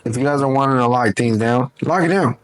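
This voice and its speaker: A man's voice: mid-range voice, fairly quick, low-quality recording. A man co-hosting a podcast, giving emphatic, opinionated takes in casual chat and swearing freely. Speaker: podcast co-host.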